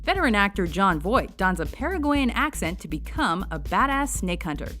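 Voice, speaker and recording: A woman's voice: mid-range voice, sing-song, normal speed, a bit bright, faint music behind. Wry woman narrating a countdown. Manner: wry, sarcastic asides. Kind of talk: scripted narration.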